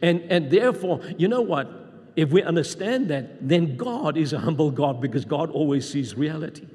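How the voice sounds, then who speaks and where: A man's voice: a little high, lively intonation, normal speed, darkish tone, breathy edge. A man preaching a sermon, speaking emphatically and reading scripture aloud with rising intensity in a church. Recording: long reverb of a large hall.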